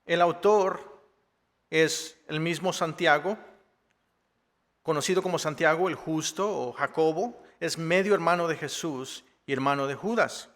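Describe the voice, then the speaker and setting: A man preaching a Spanish sermon in a friendly, joking way, with a slightly high voice and a long church-hall echo. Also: measured pace, a bit bright. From Mexico. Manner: conversational, joking asides with rhetorical "¿verdad?". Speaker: assistant pastor. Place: church sanctuary.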